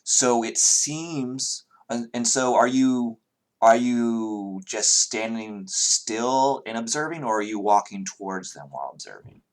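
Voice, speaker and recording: A man's voice: medium pitch, takes it slowly. A man narrating as game master of a tabletop game, talking hesitantly with many fillers.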